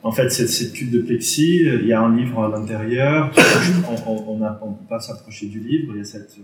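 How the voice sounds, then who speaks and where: Speaking French with a foreign accent, a non-native male artist introduces his exhibition informally, pausing, searching for words, and fixing his own phrasing. His voice is lowish and comes at a normal speed. Captured from a distance, the recording has a roomy echo and slight background noise.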